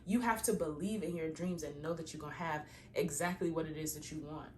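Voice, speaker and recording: Low-voiced woman giving a preachy tarot pep talk. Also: a little fast, slight background noise. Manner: preachy, animated, encouraging. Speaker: tarot reader. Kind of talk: casual spiritual pep talk.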